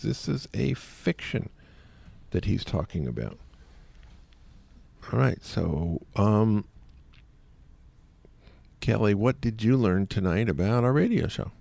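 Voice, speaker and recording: Radio host, male, low gravelly voice, dry close studio sound, casual rambling delivery. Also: mellow, dry recording. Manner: rambling, with many fillers.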